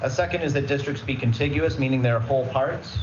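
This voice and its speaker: A man's voice: medium pitch, a little fast. Man, redistricting presenter, casual explainer with fillers, distant roomy meeting recording, dull and noisy. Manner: conversational, many fillers, explains with everyday examples. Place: public meeting room.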